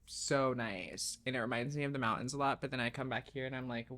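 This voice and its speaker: A woman's voice: rumbling low, steady tone, fast, fairly bright tone. A young woman co-hosting a podcast, chatting casually and tossing off playful quips. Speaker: podcast co-host. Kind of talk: casual chat.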